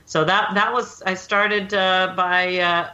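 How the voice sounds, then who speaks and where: A woman from Oregon, a film composer, telling her story in a casual interview, earnest and pausing often. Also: medium pitch, level tone, bright, forceful tone, muffled recording. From Portland, Oregon, USA. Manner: earnest, hesitant with fillers.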